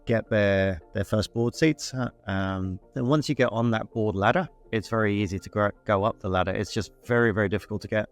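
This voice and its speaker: A low-pitched man in his forties tells his story in a relaxed, self-deprecating way, stumbling over restarts and fillers. Soft music plays faintly underneath him. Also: a little fast, few pauses. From born in New Zealand, grew up in the UK. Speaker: guest entrepreneur. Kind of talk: conversational interview answer.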